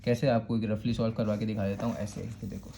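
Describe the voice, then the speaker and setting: A man's voice: on the low side, flat delivery, fast talker, gravelly, dark tone, a little hiss or hum. A man with a Karachi Urdu accent teaching a step-by-step math lesson, patiently repeating "thik hai" to check that students follow. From Pakistan.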